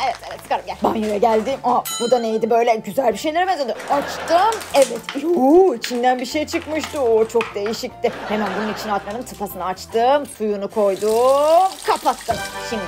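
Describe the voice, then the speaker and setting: A woman narrating a playful toy story as a vlogger. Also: fairly high pitch.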